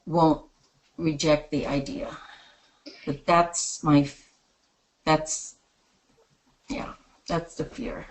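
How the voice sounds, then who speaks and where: Woman on a group call, lowish voice, halting, lots of restarts. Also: rough recording. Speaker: course participant. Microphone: online conference call.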